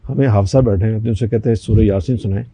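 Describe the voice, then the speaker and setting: Dark-voiced man telling a story. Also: lowish voice, no room sound. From Pakistan. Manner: animated anecdote telling with quoted voices. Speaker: guest. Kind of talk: storytelling in a talk show.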